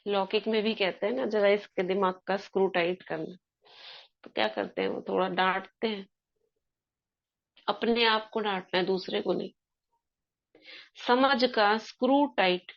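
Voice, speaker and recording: A woman's voice: medium pitch, gravelly, dull audio. A woman explaining a spiritual text to a class in a conversational way, quizzing her listeners.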